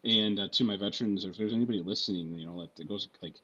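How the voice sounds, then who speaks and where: On a lo-fi podcast recording, a veteran of the military shares stories fast, his fairly low voice bright and forceful. The man rambles casually and swears freely, frequently asking "right?" or "you know what I mean?"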